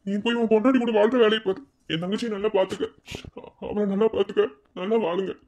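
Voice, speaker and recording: A man's voice: sits high, fairly even intonation, fast talker, darkish tone, a little hiss or hum, lightly acted. A man voicing a proud, stubborn village man in a cartoon, with a Madurai accent, speaking firmly. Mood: resolute. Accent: Madurai Tamil. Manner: firm, proud.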